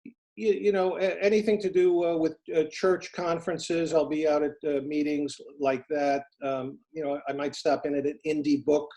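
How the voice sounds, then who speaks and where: A middle-aged American man sits for a casual interview, his voice a touch higher than most. He tells his stories earnestly, stumbling over restarts and fillers as he goes. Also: flat delivery, moderate pace, warm tone. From United States. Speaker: interview guest, former FBI agent turned private investigator.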